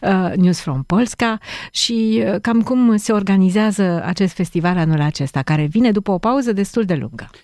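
A woman's voice: mid-range voice, darkish tone, no echo. A woman hosting a live radio interview, speaking into a studio microphone. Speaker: radio host.

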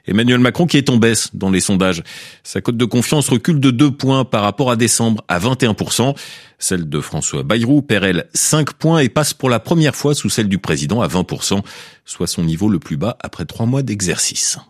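Low-voiced male radio news anchor. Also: expressive, a little fast, dry recording, clean studio sound. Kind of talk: scripted radio news reading.

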